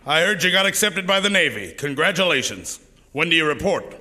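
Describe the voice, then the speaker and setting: An actor playing a stern, paternal, hard-bitten police lieutenant who interrogates persuasively. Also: male voice, a little high, animated, fairly quick, sharp tone. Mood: coaxing, stern. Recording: reverberant hall.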